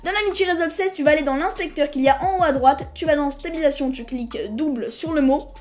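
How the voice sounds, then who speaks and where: A woman hosting a casual screen-recorded software tutorial. She talks in a chatty, hesitant way, restarts her sentences and apologizes to viewers now and then. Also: high voice, fast talker, faint music behind. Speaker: tutorial host.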